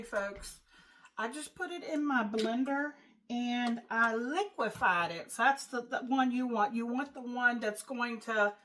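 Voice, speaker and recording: Middle-aged woman host, homey cooking-demo chatter, pitched a bit high. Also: fairly bright tone, low-quality recording. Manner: chatty, homey, with many fillers. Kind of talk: casual cooking demonstration.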